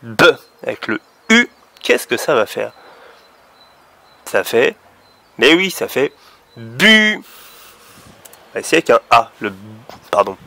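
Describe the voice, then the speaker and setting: A man's voice: medium pitch, big pitch swings, slow pace, gravelly, long pauses, sharp tone. A man teaching young children letter sounds, patiently drawing out each sound. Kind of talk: phonics lesson for young children.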